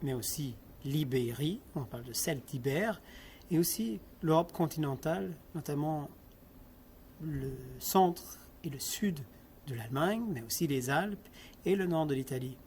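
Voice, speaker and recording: A man's voice: fairly high pitch, lively intonation, measured pace, darkish tone, slight background noise. A man lecturing on linguistics, explaining step by step, asking the class questions and repeating example words.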